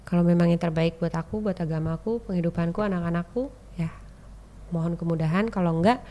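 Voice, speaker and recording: Animated woman telling her story. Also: fairly quick. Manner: animated, acts out quoted people with sharp jumps in pitch and loudness; chatty, keeps addressing the host as "Mas". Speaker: podcast guest. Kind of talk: casual storytelling chat.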